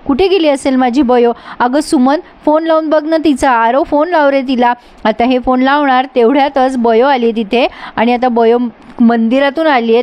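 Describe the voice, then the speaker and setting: A woman's voice: high voice, a little mellow. A woman casually retelling a TV serial episode, chatting directly to her viewers. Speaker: serial recap narrator. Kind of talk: storytelling episode recap.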